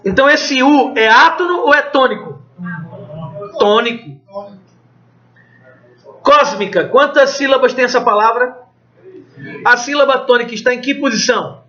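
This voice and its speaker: A Brazilian Portuguese teacher with a very high, bright voice drills his class through an exam review. He throws questions out and answers them himself in a loose, conversational way, cursing now and then. The recording sounds dull and lo-fi. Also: normal speed, pauses often. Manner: swears casually.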